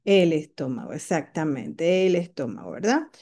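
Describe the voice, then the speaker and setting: A woman with a fairly low, mellow voice teaches a radiology class. She walks through the scans step by step and keeps checking that her students follow with quick rhetorical questions. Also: lively intonation. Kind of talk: lecture walking through CT scans.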